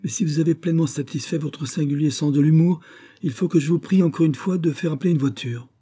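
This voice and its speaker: A man voicing a proud young society woman, speaking in a crisp, disdainful and impatient way. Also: a little high, fast talker, mellow, voice pushed up. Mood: cool disdain.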